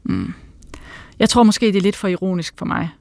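A woman voicing a calm, slightly condescending man. He speaks in a dry, teasing, unruffled way. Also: lowish voice, dry recording.

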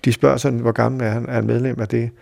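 A middle-aged Danish man telling a personal story in a halting, reflective way, with many fillers. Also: mid-range voice, level tone, gravelly, a little mellow, dry recording, clean studio sound. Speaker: interviewee recalling a friend.

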